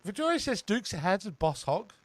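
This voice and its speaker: A man's voice: sits high, big pitch swings, fairly quick. An Australian man hosting a casual chat show, reading viewer comments and bantering. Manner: bantering, laughs often. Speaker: host.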